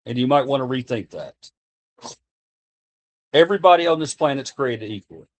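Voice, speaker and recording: An animated American man talks to his stream chat through a desk mic, his voice medium-pitched and his speed normal. He's sincere and impassioned, speaking unscripted and often starting over or repeating lines.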